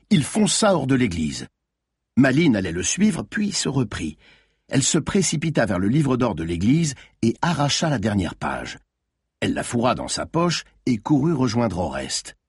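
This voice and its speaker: A man's voice: medium pitch, darkish tone, husky, no echo, studio quality. A man reading a thriller audiobook aloud with tense, dramatic narration.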